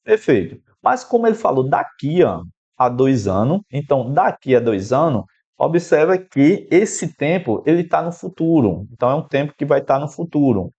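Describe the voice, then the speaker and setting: A man's voice: on the high side, very animated, moderate pace, a little mellow, breathy edge. Man teaching math step by step. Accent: Brazilian Portuguese. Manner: explanatory, working step by step through an equation, addressing the student directly. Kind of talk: exam-prep math lesson. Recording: slightly dull, lo-fi sound.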